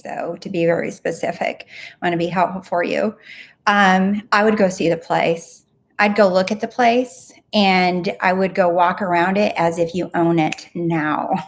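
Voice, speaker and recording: Upbeat, emphatic woman coaching live. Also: fairly low pitch. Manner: emphatic, upbeat coaching talk with blunt asides. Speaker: manifestation coach and show host. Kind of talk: casual live-stream Q&A.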